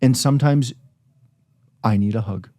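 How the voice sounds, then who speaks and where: A man's voice: mid-range voice, moderate pace, warm tone, no echo. A man co-hosting a casual podcast with his wife, blunt, plainspoken and self-deprecating. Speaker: podcast co-host.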